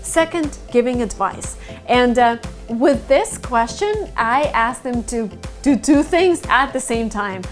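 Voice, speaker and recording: A woman's voice: fairly high pitch, animated, takes it slowly, faint music behind. A woman in her late twenties from Russia, a native Russian speaker, giving a chatty English lesson to camera with many fillers and little stories. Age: 20s. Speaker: English teacher.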